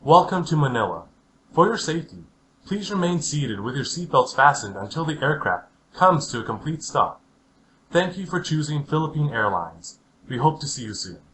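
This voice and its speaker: Male PA announcer after a chime: formal, measured, slightly high, faint noise, a touch distant. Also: big pitch swings, fairly bright tone. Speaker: airport and cabin announcer. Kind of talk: scripted public address announcement.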